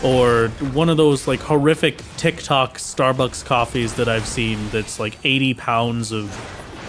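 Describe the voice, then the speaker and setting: An Irish man chatting casually on a live game stream, rambling with lots of "like" and "uh" fillers. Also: mid-range voice. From Ireland. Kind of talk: casual live-stream chat while gaming.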